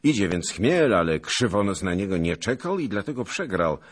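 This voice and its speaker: A man's voice: on the low side, big pitch swings, moderate pace, slightly rough, pitched above the performer's own voice. A man voicing a young, almost boyish soldier with a ringing, half-childish voice who brings news. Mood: reporting.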